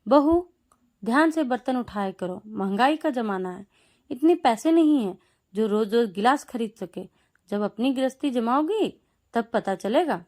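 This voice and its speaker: A woman's voice: fairly high pitch, expressive, measured pace, mellow. Woman voicing a nagging older mother-in-law. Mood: scolding. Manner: scolding, raised voice.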